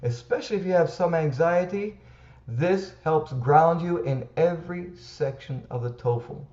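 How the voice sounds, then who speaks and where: Slow, reassuring male tutor in an echoey room. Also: on the high side, mellow. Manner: slow, emphatic and reassuring, counting breaths aloud. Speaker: TOEFL tutor. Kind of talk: direct-to-camera teaching. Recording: echoey room, slightly dull sound.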